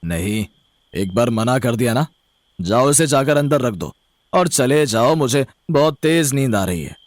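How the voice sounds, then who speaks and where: A man doing a lively cartoon family father. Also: medium pitch, a little slow, dry recording, lightly acted. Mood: firm. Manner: lively, expressive. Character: good-humored, mildly nervous poor family father. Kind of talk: animated cartoon voice acting.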